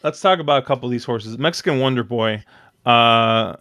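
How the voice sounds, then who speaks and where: A man hosting a casual podcast, telling long, excitable stories full of fillers and restarts. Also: mid-range voice, a little fast, no echo, clean studio sound. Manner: rambling, excitable storytelling with many fillers. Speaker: podcast host.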